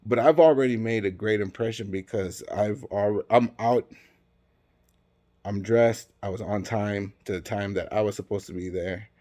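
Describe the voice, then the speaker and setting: A man's voice: on the low side, normal speed, a little mellow. A man telling a personal story in a casual way, acting out the dialogue with conversational asides.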